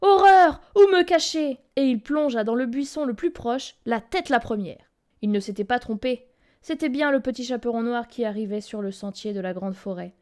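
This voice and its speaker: A woman reading a children's story aloud, in a lively, expressive way. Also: a little high, moderate pace.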